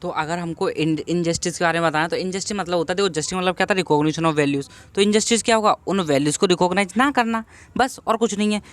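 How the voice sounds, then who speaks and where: A young man giving a casual exam-revision lecture, reading each English point slowly and then explaining it through rhetorical questions. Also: high-pitched. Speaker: exam-prep tutor.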